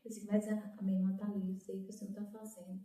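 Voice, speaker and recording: A woman with a warm voice talks very fast in a level tone while sharing an emotional testimony as a guest. She tells it as a story, raising her pitch to act out what the people in it said. Her voice is picked up from a distance in an echoey room.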